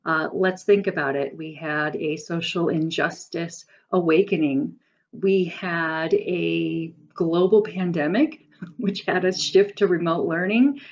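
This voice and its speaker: An adjunct teacher in her thirties records an earnest, upbeat congratulatory message on her webcam. Her voice sits a little low, and the audio comes through dull and lo-fi. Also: a little hiss or hum. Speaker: adjunct faculty member.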